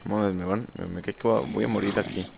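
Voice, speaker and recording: A man's voice: lowish voice, fairly even intonation, fast talker, creaky, background noise. A young man with a Mexican accent giving casual gameplay commentary, chatty and swearing freely as he talks to himself. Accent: Mexican Spanish. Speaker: gamer.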